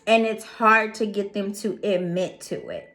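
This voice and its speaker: Slow, earnest woman speaking. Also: mid-range voice, lively intonation, fairly bright tone. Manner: slow, earnest, emphatic with repeated phrases. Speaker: psychic reader and host. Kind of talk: casual motivational talk.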